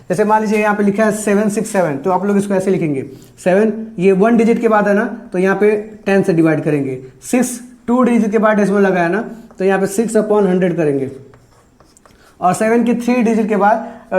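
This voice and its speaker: A man's voice: high-pitched, a little mellow. A man teaching a math lesson, asking questions and answering them himself and stressing each number, with English math terms mixed into his Hindi.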